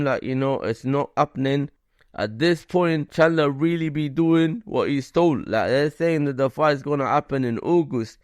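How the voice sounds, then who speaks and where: A man's voice: fairly high pitch, no echo. A man hosting a casual combat sports commentary vlog, talking in a loose, slangy way full of "like" and "you know".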